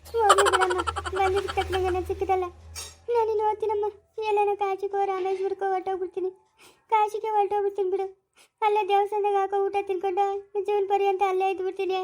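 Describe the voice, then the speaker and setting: High quick woman playing a pleading mother-in-law, family drama, faint background noise. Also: little pitch movement, a little mellow. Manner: pleading, apologetic.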